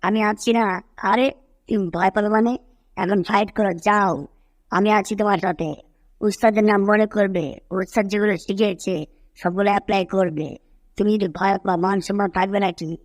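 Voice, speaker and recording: A woman's voice: medium pitch, steady tone, normal speed, no echo, lightly acted. A woman voicing a bossy, encouraging female cartoon mouse in a fan cartoon dub who urges and scolds her friend. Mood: urging. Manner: urging, scolding.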